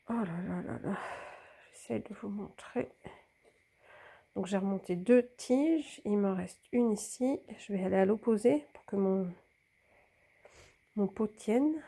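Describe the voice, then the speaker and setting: This woman's mid-range voice is gravelly, husky and dark. She talks casually while handling and filming a hanging plant, often whispering, and sounds a little congested from a slight cold, as a plant vlogger narrating her hands-on work.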